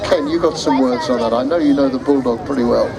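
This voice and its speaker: Man announcing at an airshow outdoors, middling pitch, loud crowd all round. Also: fast talker, creaky, low-quality recording. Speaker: airshow commentator. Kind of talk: airshow commentary, announcing to spectators. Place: outdoor seafront airshow, heard over loudspeakers. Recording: outdoor public address, loud crowd noise. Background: loud crowd and aircraft.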